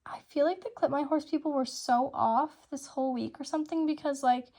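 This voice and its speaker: A woman's voice: high voice, fairly quick, dark tone. A young woman casually narrating a voiceover of her horse show rounds, chatty and filler-heavy, saying "like" constantly. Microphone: home-recorded voiceover.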